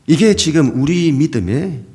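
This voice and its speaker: A man's voice: on the high side, expressive, unhurried, a little mellow. A male pastor giving a Sunday sermon, acting out mocking voices in a dramatic way. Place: church sanctuary.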